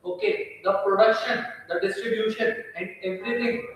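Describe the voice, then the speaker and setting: A male teacher giving a slow, deliberate online lecture, his voice echoing heavily as if in a cave. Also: sits high, steady tone, a bit bright, slight background noise. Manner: slow, deliberate explaining, checks in with "all right" and "okay". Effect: heavy cave-like echo on the voice. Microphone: distant laptop or room mic in an online class. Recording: echoey, reverberant audio from a mic far off.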